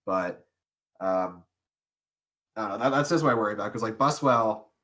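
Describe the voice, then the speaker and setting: A man's voice: lowish voice, moderate pace, fairly bright tone. Rambling young man chatting on a podcast. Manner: rambling, many fillers and restarts, laughs often. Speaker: podcast co-host. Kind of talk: casual chat.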